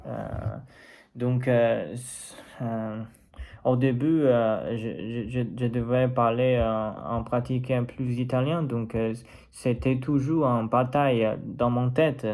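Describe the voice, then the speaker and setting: A native Mandarin speaker from China, this man is a language learner recording an unscripted personal vlog. His voice is mid-range, steady, and darkish in tone, and he speaks with a Chinese accent, hesitating as he searches for words.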